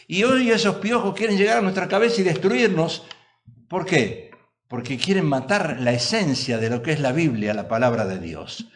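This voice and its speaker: A man's voice: fairly high pitch, sing-song, normal speed. A male pastor preaching a sermon in a church, emphatic and full of rhetorical questions to the congregation.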